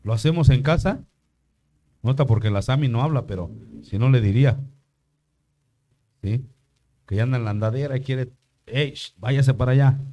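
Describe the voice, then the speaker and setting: A man's voice: medium pitch, moderate pace, long pauses, mellow, dull audio. An older man preaching a sermon in church, asking the congregation questions as he goes. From Mexico. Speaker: pastor.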